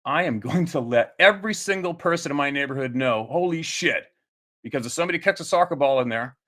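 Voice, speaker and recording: A man with a mid-range, slightly bright voice addresses his audience in a profane, heated monologue that grows angrier over time. He rants with emphasis, repeating himself and starting over mid-sentence.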